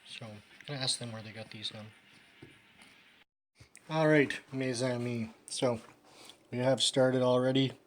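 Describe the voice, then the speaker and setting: A vlogger chats casually while sewing in a hands-on craft video, his steady voice in an ordinary middle pitch. He talks a little slowly with frequent pauses, rambling, trailing off and swearing offhandedly, loose and unpolished like he's thinking aloud.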